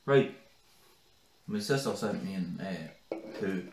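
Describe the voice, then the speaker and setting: A man with a low-set but lively voice, co-hosting a casual podcast. He teases, swears and laughs easily. He sounds a little distant from the mic, in a room with noticeable echo. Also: slight background noise. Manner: teasing, swearing, quick laughs. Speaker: podcast co-host.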